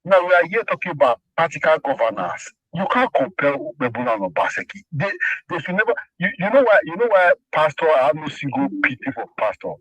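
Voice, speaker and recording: Fairly quick and very animated, a Nigerian man with a voice on the high side and a fairly bright tone calls in with heated commentary. He's heard over a speakerphone as muffled audio without echo, making emphatic points, repeating himself, and restarting sentences.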